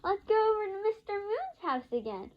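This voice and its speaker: A woman doing an upbeat coaxing mom, high and bright. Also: very animated, moderate pace, dull audio. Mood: friendly. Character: cheerful persuasive mother.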